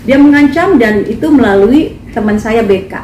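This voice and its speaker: A woman's voice: a little high, expressive, moderate pace, mellow, distant mic, highs cut off. A woman singer making an emphatic, indignant statement at a press conference. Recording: echoey, from afar, faint noise.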